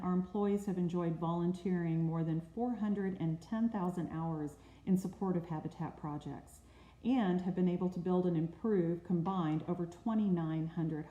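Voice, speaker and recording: A woman gives scripted sponsor remarks in a slightly low, mellow voice. Her words carry a roomy echo, and her delivery stays smooth and prepared. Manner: polished, scripted. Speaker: corporate sponsor representative.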